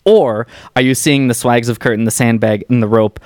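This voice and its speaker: A man's voice: mid-range voice, moderate pace, a little mellow, no room sound, studio quality. A man talking thoughtfully on a podcast, analyzing a stage musical with a lot of "like" as he gathers his thoughts. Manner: thoughtful, analytical, uses many "like" fillers. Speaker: podcast co-host discussing musical theater. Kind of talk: casual chat.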